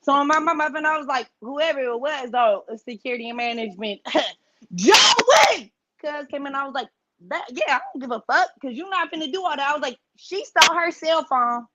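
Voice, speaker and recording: A guest on a podcast, a woman with a high voice, tells a story in loose, profane chatter at a moderate pace. She's animated and acts out the people she quotes, and the audio comes across slightly dull and lo-fi.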